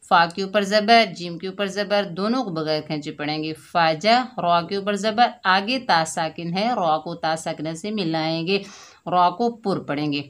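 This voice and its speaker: A woman leads a step-by-step recitation lesson. Her voice sits slightly low, and she moves at a very slow, measured pace. She pauses to check in and lengthens her chanted example words. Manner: slow, deliberate explaining, with drawn-out chanted examples; often checks in with "theek hai". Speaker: Quran recitation teacher.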